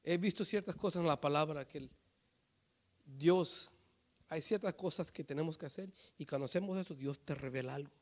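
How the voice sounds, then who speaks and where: A man delivers a sermon in a fairly high voice. He swings from loud, fervent exhortation to hushed, almost whispered lines, and now and then drops into English phrases. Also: normal speed. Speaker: pastor.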